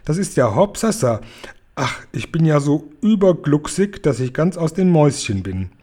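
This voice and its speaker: A man reading a children's book aloud and voicing a huge, very old, kindhearted male giant who jumbles his words, louder than his narration. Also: moderate pace, lightly acted. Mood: delighted. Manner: loud and booming, jumbled made-up words.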